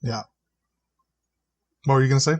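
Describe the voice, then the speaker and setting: A man's voice: mid-range voice, fairly even intonation, moderate pace, darkish tone. Laid-back man chuckling along in chat. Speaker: podcast co-host. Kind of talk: casual chat.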